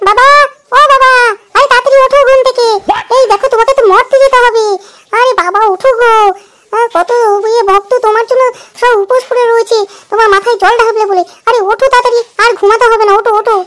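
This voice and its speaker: A woman's voice: very high-pitched, fairly even intonation, quick pace, hardly any pauses, a bit bright. A woman voicing a chirpy, bossy young goddess daughter in a cartoon, with an eager, nagging, chatty manner. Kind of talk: cartoon voice acting.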